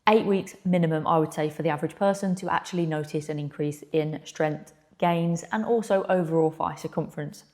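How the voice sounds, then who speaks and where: A woman's voice: sits low, fairly quick, few pauses, darkish tone. A woman giving direct, instructional advice as a physiotherapist, emphatic and blunt with rhetorical questions, recorded in an echoey room. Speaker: physiotherapist and clinical mentor presenting. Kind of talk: direct-to-camera instructional talk. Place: echoey indoor space.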